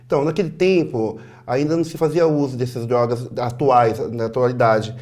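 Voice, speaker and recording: A man from Sorocaba, a guest recounting his life in a halting interview, with many fillers and soft trailing endings. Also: medium pitch, fairly even intonation. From Sorocaba, Brazil. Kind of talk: personal testimony in an interview.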